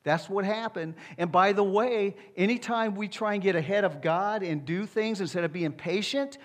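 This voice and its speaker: A man's voice: sits high, normal speed. A middle-aged man, a pastor, preaching a conversational sermon with rhetorical asides to the congregation.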